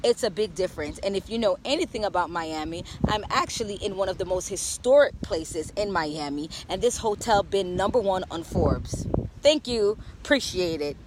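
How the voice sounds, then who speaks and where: A woman's voice: medium pitch, normal speed, hardly any pauses, background noise. A woman from Jamaica ranting in a brash, profane, sassy way on a casual phone livestream, outdoors in the rain. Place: outdoors in rainy weather.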